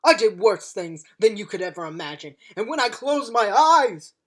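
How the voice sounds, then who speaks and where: Woman performing as impassioned war veteran, rousing oratory, theatrical delivery, dramatic monologue, pleading for peace, mid-pitched. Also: sing-song, a little slow. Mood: impassioned, anguished. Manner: theatrical, swinging from hushed to shouted. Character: impassioned, unforgiving-yet-forgiving time-traveller war veteran pleading for peace.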